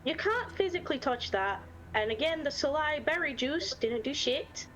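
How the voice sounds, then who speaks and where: Woman player, high voice, chatty and giggly, casual roleplay talk. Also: expressive, moderate pace, fairly bright tone, slight background noise, low-quality recording. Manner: chatty, laughs often. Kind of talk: tabletop roleplay chat.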